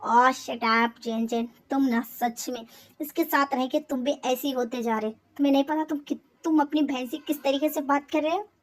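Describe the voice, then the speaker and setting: A woman's voice: high-pitched, fairly even intonation, moderate pace, close to an everyday voice. A woman voicing an indignant hot-tempered young man. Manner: indignant scolding.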